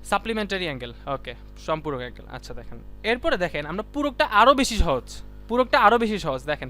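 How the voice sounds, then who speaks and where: A man teaching a class in a casual, chatty way, quizzing students by name and often wrapping up points with a quick "done". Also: high voice, pushed and bright, slight background noise. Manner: colloquial, keeps saying "done" and "see". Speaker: ICT teacher. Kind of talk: casual live class lecture.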